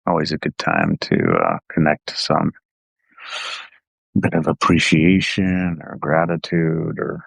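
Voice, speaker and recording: Meditation guide, male, gravelly low voice, unhurried and softly hesitant. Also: dry recording, poor audio. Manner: calm, unhurried and gently hesitant. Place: aboard a ferry.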